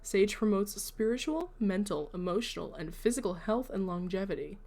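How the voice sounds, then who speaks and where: A woman of middling pitch chatting casually on a livestream. She explains things to her viewers in a loose, rambling way and drifts into self-deprecating asides before coming back to her point. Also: animated, normal speed, darkish tone. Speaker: livestream host.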